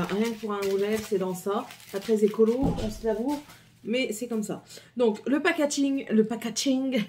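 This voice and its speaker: A middle-aged woman with a French accent chats casually through a haul video, hesitating and repeating herself often. The vlogger's voice is mid-range and mellow.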